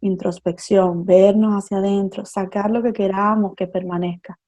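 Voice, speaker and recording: A woman's voice: mid-range voice, level tone, moderate pace, mellow. A woman psychotherapist giving an expert explanation in an interview, laying out her ideas step by step with examples. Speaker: psychotherapist guest.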